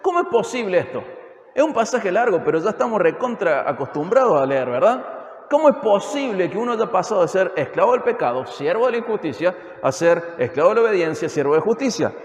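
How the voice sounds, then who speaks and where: A man with a Córdoba Argentine accent preaches a sermon, his voice sitting high for a man. He keeps pushing emphatic rhetorical questions at the listeners. The sound rings around a church hall with a long, roomy reverb. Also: very animated, brisk. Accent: Argentine Spanish (Córdoba). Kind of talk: expository sermon.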